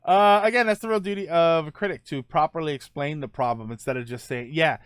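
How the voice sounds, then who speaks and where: A middle-aged podcast host rambles casually through viewer comments, full of fillers and self-corrections. His voice is on the high side and fairly quick, with a clean tone and no echo.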